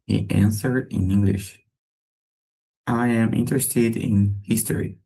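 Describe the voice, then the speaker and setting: Male English teacher, reading each sentence twice, deep voice. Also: mellow, low-quality recording. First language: Portuguese. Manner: reads each sentence twice, slowly and clearly. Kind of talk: slow repetition drill for beginners.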